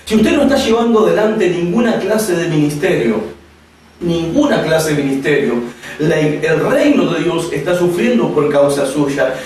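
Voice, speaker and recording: A man's voice: on the high side, animated, normal speed, few pauses, darkish tone, distant mic, slight background noise. A man preaching a Bible teaching to viewers on camera, speaking emphatically and repeating phrases for stress. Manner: emphatic, repetitive preaching with rhetorical questions. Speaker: pastor teaching a Bible course. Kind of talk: sermon teaching to a camera audience. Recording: echoey room, voice from off the mic, faint ambience.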